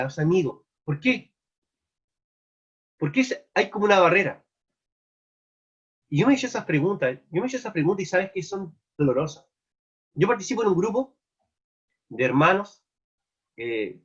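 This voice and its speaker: A man with a high-sitting, husky voice and a Chilean Spanish accent preaches a sermon at a live virtual church meeting. He earnestly asks his listeners one searching question after another, captured in dull, lo-fi online meeting audio.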